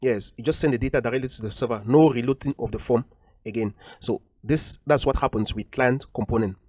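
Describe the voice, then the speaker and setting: A man's voice: medium pitch, brisk, darkish tone, slightly rough, no echo. A man teaching a coding tutorial over a screen recording, explaining patiently and repeating each point with frequent ums.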